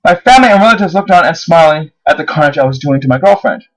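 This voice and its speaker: A man's voice: fairly high pitch, expressive, fast, fairly bright tone, poor audio. A man reading his own first-person horror story aloud, his voice rising on the dramatic moments. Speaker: narrator.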